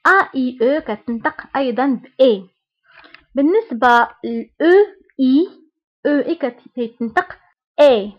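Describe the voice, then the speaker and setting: A woman with a Moroccan Arabic accent teaching a French lesson, saying each example word slowly and repeating it. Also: high voice, animated, muffled recording. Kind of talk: language lesson.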